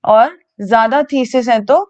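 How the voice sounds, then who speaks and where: Higher-voiced woman teaching English grammar. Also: a little slow, a little mellow. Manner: patient, repeats key words, asks and answers her own questions. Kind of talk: explaining grammar to students. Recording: dull lo-fi sound.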